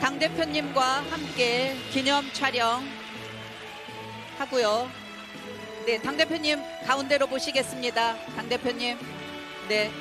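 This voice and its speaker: An event host making formal, polite and ceremonious announcements from a convention stage. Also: sits high. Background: loud music.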